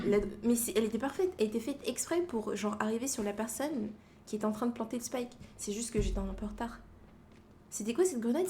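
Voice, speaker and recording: A woman's voice: on the high side, warm tone, slight background noise. A woman chatting casually and playfully with her viewers during a live game stream. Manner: playful, teasing, quick laughs.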